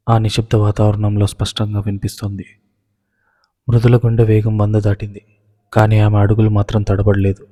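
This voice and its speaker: A man narrating an emotional audio story in an even, measured reading. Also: on the low side, in a large hall. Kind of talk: scripted narration.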